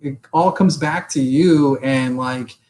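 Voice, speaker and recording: A man's voice: mid-range voice, slow pace, darkish tone, rough recording. A man around forty hosting a podcast in casual chat, loose and chatty, swearing freely and tagging his points with "right?". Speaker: podcast host.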